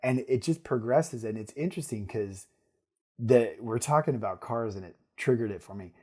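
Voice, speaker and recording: A middle-aged man, a guest on a podcast, telling family stories in an animated, casual way with frequent restarts. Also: medium pitch, moderate pace. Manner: animated storytelling with restarts and laughs. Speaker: guest, surgeon and father.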